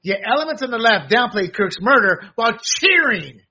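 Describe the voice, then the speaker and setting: A man hosting a political commentary monologue, combative and sarcastic, pushing into shouts on his points. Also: very high voice, very animated, normal speed, husky. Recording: dull lo-fi audio.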